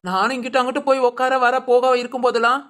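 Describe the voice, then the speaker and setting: A woman acting a sharp-tongued old village grandmother who scolds and threatens in a gruff way. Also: sits high, level tone, racing. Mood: grumbling. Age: older.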